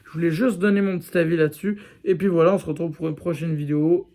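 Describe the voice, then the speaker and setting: This male YouTuber's review of a series is candid and relaxed, addressed directly to "les gars" and packed with fillers. He talks fast in a highish, slightly mellow voice with fairly even intonation.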